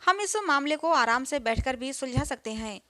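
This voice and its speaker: Woman doing a nervous young husband, placating, highish dry voice. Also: animated, moderate pace, pushed and bright, dry recording.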